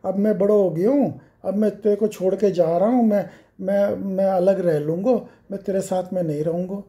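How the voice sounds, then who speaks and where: A man's voice: high-pitched, moderate pace, dark tone. Man doing little Krishna, coaxing and sulky.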